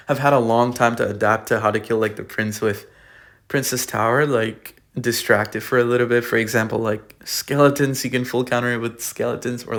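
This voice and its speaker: A man's voice: medium pitch, a bit bright. Young man rambling over a card tier list. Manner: rambling, slangy, filler-heavy. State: losing his voice. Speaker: gaming YouTuber. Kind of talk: casual tier-list commentary. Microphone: iPad recording.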